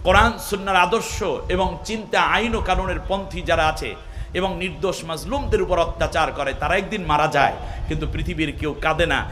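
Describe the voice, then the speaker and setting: High, bright-voiced man preaching a sermon. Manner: chants Quranic verses slowly; rises to shouting at climaxes. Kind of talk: Bengali waz sermon.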